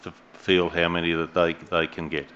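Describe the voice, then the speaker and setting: Man, formal meeting chair, deep and even, muffled recording with faint noise. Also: normal speed. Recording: dull, faintly noisy meeting room audio.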